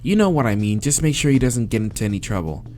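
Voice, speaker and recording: A man with a mid-range, mellow voice reads a visual novel aloud, very animated and fast. He's a let's play reader who stops between lines to swear and laugh, with game music playing behind him.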